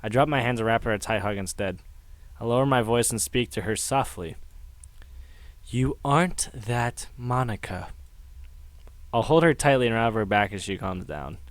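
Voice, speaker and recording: A man's voice: lowish voice, fast talker, no echo. A man reading a fan fiction story aloud, stumbling over words, laughing at his slips and throwing in swearing asides.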